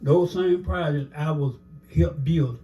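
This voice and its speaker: A man's voice: on the high side, takes it slowly, dark tone, highs cut off. An older man telling his life story in a casual interview, rambling with many "you know"s and acting out the dialogue he recalls.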